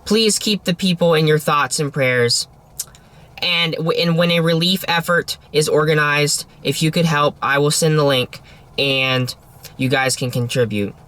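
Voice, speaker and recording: A man's voice: a little high, measured pace, a bit bright. A man narrating a storm-chasing vlog in an earnest, solemn manner, in the style of a scripted voice-over. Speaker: storm chaser, video host.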